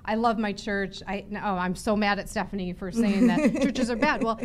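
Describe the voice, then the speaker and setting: A woman's voice: medium pitch, moderate pace. A woman hosting a podcast interview, talking earnestly and thinking aloud with restarts and fillers. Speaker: podcast host. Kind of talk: conversational interview.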